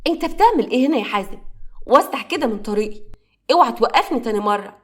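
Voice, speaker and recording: A woman's voice: fairly high pitch, lively intonation, quick pace, slightly rough. A woman with an Egyptian accent voicing an angry young mother who scolds and defies her ex-husband in a spoken story. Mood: angry, defiant. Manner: scolding, defiant. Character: angry divorced mother Amira, sharp-tongued young woman.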